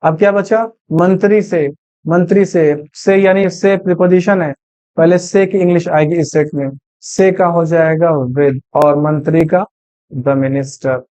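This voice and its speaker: A man's voice: on the high side, fairly even intonation, a little slow, mellow, clean tone, no room sound, poor audio. A man teaching English sentence translation, patiently asking and answering his own questions step by step. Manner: patient, repeats questions to students. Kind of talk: Hindi-language grammar lesson.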